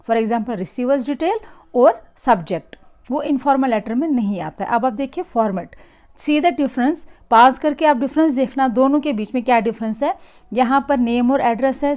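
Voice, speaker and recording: Hindi-speaking woman teacher, slightly high voice. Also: a little mellow. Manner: mixes Hindi and English, slow deliberate English phrases, frequent "theek hai" checks. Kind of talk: classroom lesson explaining slides.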